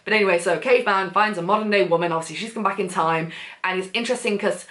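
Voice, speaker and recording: A woman chattily recommending books, gushing and full of fillers with big swings in pitch. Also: fairly even intonation, fast, fairly bright tone. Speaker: book vlogger. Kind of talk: casual book recommendations. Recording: echoey room.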